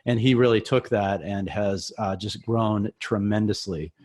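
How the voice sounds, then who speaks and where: A man's voice: lowish voice, measured pace, a little mellow. A man interviewing his former student, talking in an upbeat, encouraging way. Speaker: mentor and interviewer. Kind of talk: enthusiastic interview.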